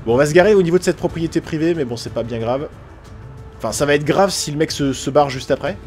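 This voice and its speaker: A man with a French accent giving casual, excitable commentary on a police game, swearing often and laughing. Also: a little high, quick pace, soft background music. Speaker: gaming YouTuber.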